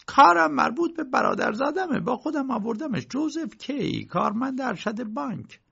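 A man voicing a hot-tempered middle-aged uncle who talks in a loud, demanding way in an audiobook, on a dull lo-fi recording. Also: very high-pitched, sing-song, creaky, breathy edge, pitched above the performer's own voice, full character voice. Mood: brusque. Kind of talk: audiobook character voice.

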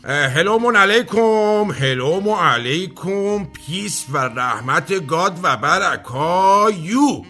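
A man's voice: fairly high pitch, very animated, sharp tone, breathy edge, soft background music, full character voice. A man playing a self-important politician in a satirical comedy monologue, drawling and mock-formal with heavy sarcasm. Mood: mock-english. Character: pompous blustering male politician, self-important. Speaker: comic character host.

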